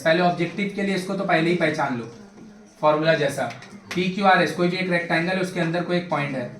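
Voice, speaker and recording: A male math tutor with a high, fairly bright voice jokes and chats familiarly with his class during a lecture. The sound echoes around a bare classroom and is captured from some distance.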